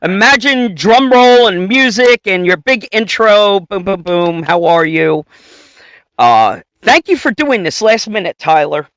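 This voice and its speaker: A man hosting a podcast livestream in an upbeat, casual way, talking quickly with fillers. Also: high-pitched, expressive, fairly bright tone, smooth, no room sound, lo-fi sound. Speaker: podcast host.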